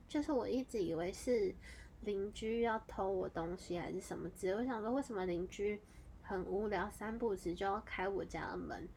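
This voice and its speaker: A woman, hosting a podcast and casually telling a story in a chatty, animated way, running her clauses together with fillers. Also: vocal fry, a little hiss or hum. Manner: animated, jumps into high excited exclamations. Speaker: podcast host.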